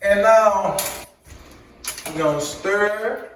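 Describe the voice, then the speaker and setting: A man's voice: sits high, very slow, fairly bright tone, very echoey, distant mic, slight background noise, rough recording. A man walking viewers through a recipe in a chatty, joking way, with preachy asides to the audience. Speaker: home cook teaching a recipe. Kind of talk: casual cooking tutorial.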